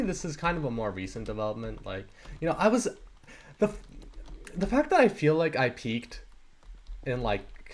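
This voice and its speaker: A teenage boy talks over his own gameplay in a loose, meandering way, putting himself down with a dry, mumbled delivery. His voice sits at an ordinary middle pitch for a young man. He stumbles, restarts and fills gaps with little hesitations as he goes. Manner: self-deprecating, mumbling asides with many fillers and restarts. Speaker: gaming channel host. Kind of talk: rambling Minecraft let's-play commentary.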